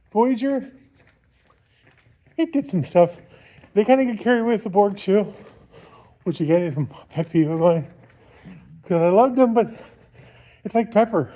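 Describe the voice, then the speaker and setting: A man's voice: sits high, dark tone. A man talking casually to his vlog while out on a run, rambling through his opinions in an informal way. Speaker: vlogger.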